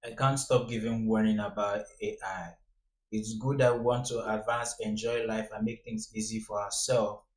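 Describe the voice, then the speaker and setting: A man's voice: lowish voice, steady tone, normal speed, roomy sound, rough recording. A man giving a casual, earnest warning to his viewers. He keeps repeating his pleas to be careful. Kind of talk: casual direct-to-camera commentary.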